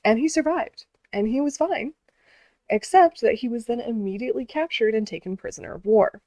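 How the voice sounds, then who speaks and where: A woman's voice: a little high, brisk, mellow, no echo. A woman vlogger telling a story in a casual, earnest way, with many fillers and restarts.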